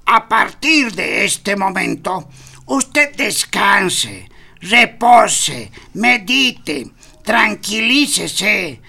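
A nervous, stammering psychiatrist, as a man acts him out in a comedy sketch. His voice is high, gravelly and husky, with a sharp, tense edge. He talks slowly and tries to soothe his patient. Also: big pitch swings, heavily acted. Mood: fussy, soothing.

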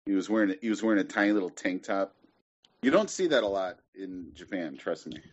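A man co-hosting a casual podcast, joking and teasing his guest with quick pop-culture quips. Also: low-pitched, animated, husky, highs cut off. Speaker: podcast co-host. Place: home in Tokyo.

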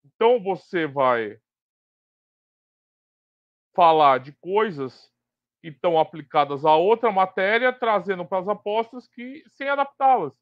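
A Brazilian man speaks in a high voice with a slight lisp. He hosts a live discussion off the cuff, stressing and repeating key phrases as he works through his point. The sound is dry and a bit dull, like a lo-fi stream. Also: lively intonation, unhurried, pauses often, no echo. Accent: Brazilian Portuguese. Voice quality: slight tongue-tied lisp. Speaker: host of a live sports betting talk stream. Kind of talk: unscripted live commentary and discussion.

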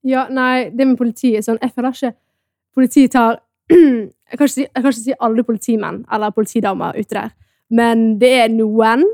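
A young woman with a Bergen Norwegian accent, co-hosting a podcast and telling stories in animated, casual chat with English words mixed in. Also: fairly high pitch, no echo, clean studio sound. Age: young adult. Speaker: podcast co-host.

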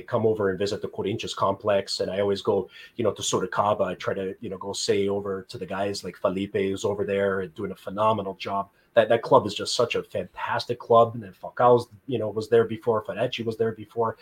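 A man hosts a casual sports podcast with a lively, eager delivery. His voice sits on the low side and has a husky grain to it. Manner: animated, enthusiastic, uses filler phrases. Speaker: podcast host.

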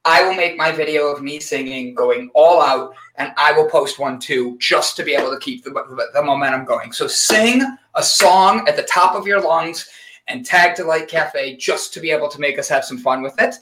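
A man hosting a casual live show, talking in an upbeat, energetic, rambling way. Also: on the high side, normal speed. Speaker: host. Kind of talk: casual live-stream chat.

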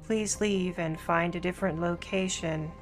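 A woman voicing a security camera's automated voice, flat and monotone. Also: fairly low pitch, a little slow, faint music behind, lightly acted.

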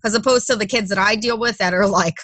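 Bright, blunt, cursing woman. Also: mid-range voice, fast, no room sound, poor audio. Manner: blunt, profane, emphatic. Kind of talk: casual conversation.

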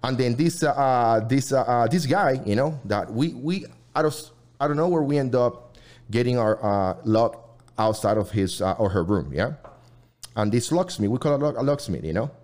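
A man co-hosting a casual live chat show, talking in a rambling, halting way with many restarts and fillers. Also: mid-range voice, lively intonation, darkish tone. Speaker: livestream co-host.

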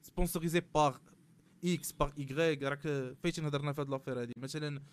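A man with a Moroccan accent speaks in a smooth, clean voice at a very rapid pace. His pitch sits a little high as he lays out his analysis as a panel guest, switching often into French terms. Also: fairly even intonation. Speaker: guest commentator on football club marketing. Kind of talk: panel discussion, giving analysis.

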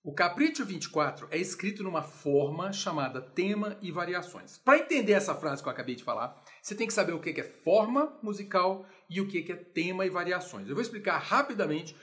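A man giving an informal music lesson, animated and playful, explaining with sung examples. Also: high voice, brisk. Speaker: music teacher.

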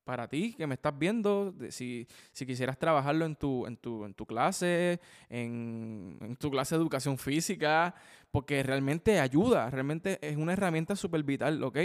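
Drum teacher a resonant voice. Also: male voice, mid-range voice, expressive, moderate pace. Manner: explains with frequent "ok?" and "¿verdad?" checks, counts sticking aloud. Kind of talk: instructional video lesson. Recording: long hall reverb.

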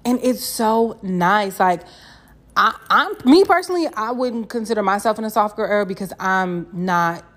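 A woman's voice: medium pitch, expressive, normal speed, a bit bright. A young woman chatting casually as a solo podcast host, candid and slangy, swearing freely and repeating phrases for emphasis. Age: young adult.

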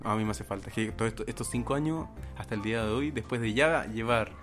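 A man's voice: fairly low pitch, fast, a bit bright. Young Chilean man, rambling podcast co-host, word-searching; faint guitar behind. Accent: Chilean Spanish. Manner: rambling, searches for words, lots of fillers. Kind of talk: casual chat.

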